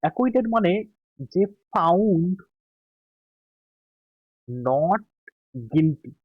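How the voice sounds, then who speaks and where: A man with a Bengali accent, an exam tutor going through answer keys slowly, stretching out English words and checking in often. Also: high voice, expressive, no room sound, lo-fi sound.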